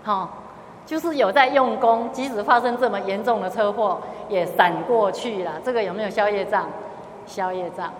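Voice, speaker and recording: A middle-aged woman with a Taiwanese accent and a mid-range voice speaks at a moderate pace. As a lay Buddhist, she gives a testimony to a gathering about her experiences, slipping into Hokkien phrases. The sound is reverberant, like a big room, with slight background noise.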